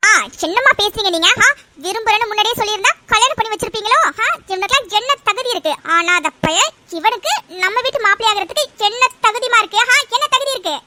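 A man voicing a sharp-tongued middle-aged woman in a cartoon story, scolding and sneering at others. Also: very high-pitched, quick pace, hardly any pauses, slight background noise, voice pushed up, heavily acted.

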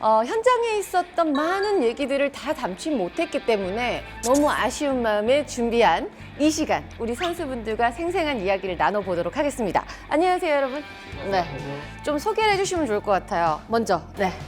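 Woman in her thirties, talk-show host, lively pitch, playful teasing, music underneath. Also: brisk. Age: 30s.

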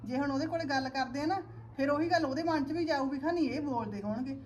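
A woman's voice: high voice, fast talker, muffled recording, slight background noise, natural voice. A woman playing a weary village mother-in-law complaining about her son's wife. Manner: complaining, resigned. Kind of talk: village comedy sketch acting.

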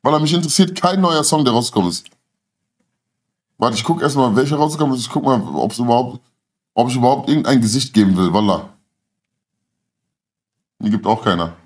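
A man's voice: medium pitch, lively intonation, fairly quick, long pauses. A middle-aged man hosting a livestream, telling stories in casual street slang with insistent, emphatic repetition. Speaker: livestream host. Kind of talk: casual chat and animated storytelling. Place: small dim indoor studio.

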